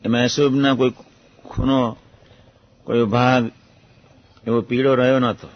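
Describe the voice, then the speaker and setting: A man giving a measured, reflective devotional discourse about a guru's teachings. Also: medium pitch, flat delivery. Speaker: religious speaker recounting a guru's teachings. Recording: muffled lo-fi recording.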